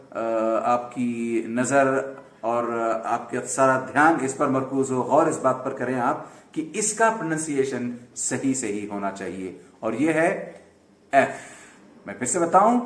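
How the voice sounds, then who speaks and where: A man, slowly and patiently explaining English letter sounds, stretching them out to demonstrate. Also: medium pitch, roomy sound. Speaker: English pronunciation teacher. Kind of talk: explaining lesson to camera.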